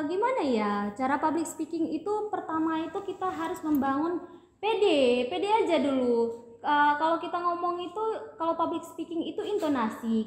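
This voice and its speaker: A young woman from Aceh, a student guest chatting casually on a podcast, explaining with lots of fillers. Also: sits high. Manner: chatty, explains with many fillers, addresses listeners as guys. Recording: echoey room with faint noise.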